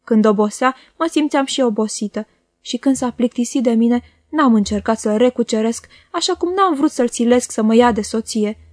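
A woman's voice: a little high, darkish tone, no echo, studio quality, natural voice. A woman reader voicing a proud, bitter, jealous young woman who speaks with scornful, impassioned force in an audiobook. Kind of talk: audiobook character voice.

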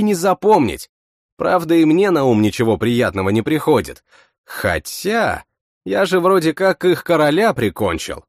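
Male narrator, expressive first-person fantasy reading, animated delivery. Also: medium pitch, no echo, studio quality. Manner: expressive, voices every character himself. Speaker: audiobook narrator.

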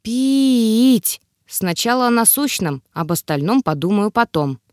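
A woman's voice: medium pitch, animated, moderate pace, a little mellow, dry recording, clean studio sound, natural voice. Weak, pleading young heroine, read by a woman.

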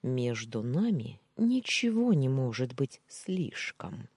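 A woman voicing a tender, insistent young husband who speaks slowly in a hushed, purring way in a storybook reading. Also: rumbling low, very animated, slightly rough, dry recording, clean studio sound, heavily acted. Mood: tender, coaxing.

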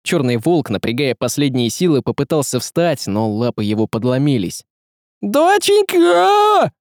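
A man reading an audiobook with lively, dramatic storytelling. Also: medium pitch, normal speed, no room sound, studio quality. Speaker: audiobook narrator. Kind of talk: scripted audiobook narration.

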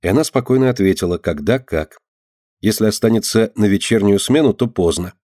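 A man voicing a calm, serious mother in an audiobook, speaking in a measured, instructive way. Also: fairly low pitch, no echo, clean studio sound, natural voice. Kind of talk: audiobook character voice.

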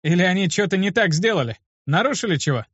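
A man voicing a calm, commanding male gang leader who speaks firmly, in an audiobook reading. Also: high voice, quick pace, slightly rough, no room sound, lo-fi sound, pitched above the performer's own voice, exaggerated voice. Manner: firm, settling things.

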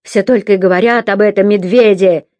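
A woman's voice: mid-range voice, unhurried, no room sound, close to an everyday voice. A woman doing a bitter, snarling young man. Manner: harsh, barking, contemptuous. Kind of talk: audiobook character voice.

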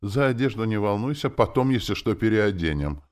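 A man's voice: on the low side, very animated, voice pushed up. A man voicing a bossy, cooing elf woman. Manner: brisk, giving orders, then cooing.

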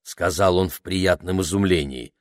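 A man's voice: low voice, normal speed, no room sound, clean studio sound. A man reading a children's story aloud as the narrator of an audiobook.

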